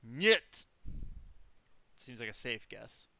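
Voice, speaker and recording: A man's voice: mid-range voice, moderate pace, vocal fry, background noise. A man streaming a game live, making wry casual asides while reading the dialogue aloud.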